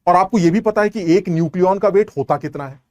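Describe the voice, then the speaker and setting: Male tutor, high voice, dry close sound, explains and quizzes the class. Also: fast, darkish tone, dry recording. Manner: explains step by step, asks students rhetorical questions. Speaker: chemistry teacher. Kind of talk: online class lecture.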